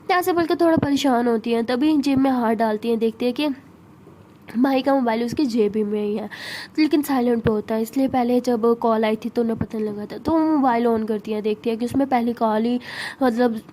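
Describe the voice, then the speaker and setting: A woman's voice: a little high, warm tone, slight background noise. A woman telling a love story in a casual, chatty way. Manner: conversational, chatty.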